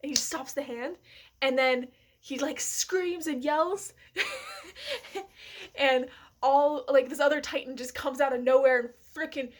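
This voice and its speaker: A woman's voice: high-pitched, unhurried, long pauses. Giggly, rambling woman vlogger. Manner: rambling, excited, full of fillers and giggles. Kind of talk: casual chat to camera.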